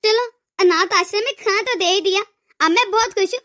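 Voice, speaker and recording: A woman's voice: very high-pitched, a little fast, fairly bright tone. A woman voicing a stammering, emotional young wife. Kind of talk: cartoon voice acting.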